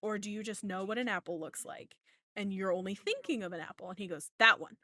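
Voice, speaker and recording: Woman, thirties, podcast host; lively, swearing storyteller, dry close sound. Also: mid-range voice, fast, no room sound. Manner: animated storyteller acting out quoted dialogue, swears freely. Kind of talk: casual storytelling chat.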